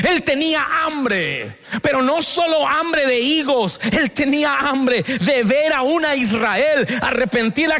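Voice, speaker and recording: High, bright-voiced Colombian pastor preaching. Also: male voice. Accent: Colombian Spanish. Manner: animated preaching, calls on the congregation to repeat lines. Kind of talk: sermon.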